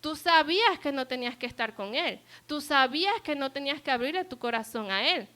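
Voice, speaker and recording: High, bright-voiced woman preaching. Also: animated, a little fast. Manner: earnest, asks the congregation rhetorical questions. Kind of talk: sermon. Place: church service.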